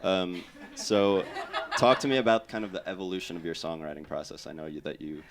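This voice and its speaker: Deep-voiced man hosting a live interview. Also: fairly even intonation, a little fast, background noise. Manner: upbeat, encouraging, hypes the crowd. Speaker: show host interviewer. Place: live music venue with audience.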